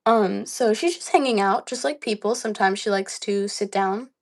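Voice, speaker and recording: Reading comments aloud on her livestream, a young woman talks casually with frequent ums and likes. Her slightly dry voice sits at medium pitch, and she speaks at a normal speed.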